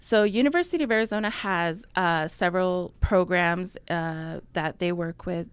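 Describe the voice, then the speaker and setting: A young woman from New Mexico talks as a radio interview guest, her voice smooth and slightly low. She fills her sentences with ums and laughs easily. The studio sound is dry and close. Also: normal speed, no room sound. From Navajo, New Mexico. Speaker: guest, outreach coordinator. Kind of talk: casual interview talk.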